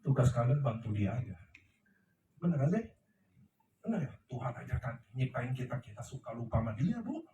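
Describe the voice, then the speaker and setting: A man's voice: mid-range voice, very animated, brisk, pauses often, dark tone, recorded from a distance, slight background noise. Emphatic preachy man, echoey room. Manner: emphatic, preachy, asks the crowd "ngerti ya?". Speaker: company leader speaking to his team. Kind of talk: motivational talk to a live audience. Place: large room before a seated audience.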